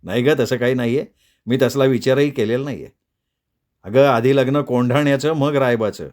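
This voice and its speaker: Man as earnest young man, gentle, storybook dialogue. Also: mid-range voice, normal speed, close to an everyday voice.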